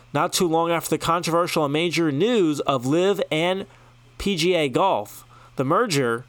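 A man's voice: mid-range voice, a bit bright, clear, resonant tone, dry recording. A man hosting a solo sports news podcast, reading headlines in a loose, chatty way with frequent ums and asides. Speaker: podcast host.

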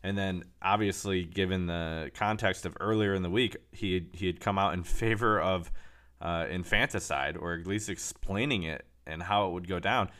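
Male commentator, slightly low voice, talking off the cuff with sarcastic jabs and frequent ums. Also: fairly bright tone. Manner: sarcastic, mocking, halting with many fillers. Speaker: political commentator. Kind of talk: casual monologue commentary.

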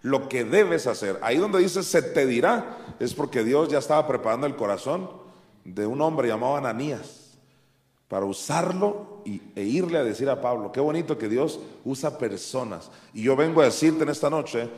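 A man with a Mexican Spanish accent preaching a sermon, animatedly acting out Bible voices with sharp rises and drops. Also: medium pitch, animated, moderate pace. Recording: echoey hall with faint music.

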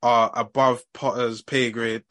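This podcast host speaks with a London multicultural roadman accent, hosting a laid-back football chat full of slang. His voice is medium-pitched and a bit bright, fairly flat in intonation, and a little slow.

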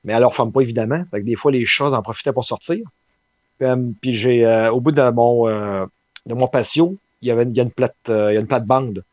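A man's voice: medium pitch, quick pace, a little mellow, no room sound, lo-fi sound. A man with a Quebec French accent chatting casually on a podcast, hesitant and full of fillers. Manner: hesitant, many fillers and restarts. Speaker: podcast co-host. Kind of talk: casual conversation.

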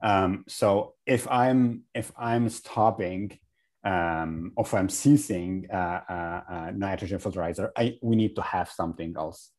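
A man from Egypt, a guest in a podcast interview, speaking in a halting way with many fillers and restarts. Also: sits low, darkish tone. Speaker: guest, regenerative agriculture advocate.

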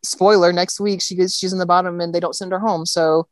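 A woman's voice: fairly low pitch, steady tone, fairly quick, no room sound, studio quality. A woman co-hosting a casual chat, giving blunt, candid opinions. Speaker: podcast co-host.

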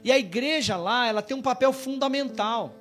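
A man preaching as a pastor, exhorting the congregation and swinging between loud emphasis and soft asides. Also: very high voice, normal speed, faint music behind. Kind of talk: sermon.

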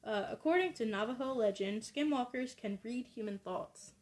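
Hesitant woman podcast host, slightly high. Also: normal speed, darkish tone. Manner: hesitant, hedging, frequent ums. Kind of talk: casual podcast chat.

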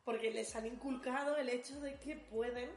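A woman's voice: a little high, steady tone, normal speed. A woman hosting a podcast, blunt and joking in casual chat. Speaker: podcast host. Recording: roomy room with faint music.

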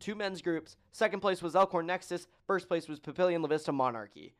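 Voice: medium pitch, a little fast. A podcast host in casual chat, joking and running through long lists of results with many ums.

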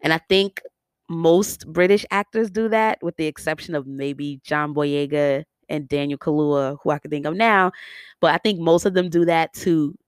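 A New York-accented vlogger talking through a review in a loose, chatty way. The delivery is animated and sassy, full of slangy asides to the audience. The sound is dry and close, with no room around it. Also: mid-range voice, moderate pace, clean tone, no room sound. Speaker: vlogger reviewing a biopic series. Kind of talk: casual opinion commentary.

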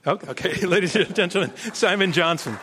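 A man moderates a live debate in a slightly high voice. He presents and questions guests in a stage-hosting style. An audience can be heard behind him. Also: fast, a crowd in the background, background noise.

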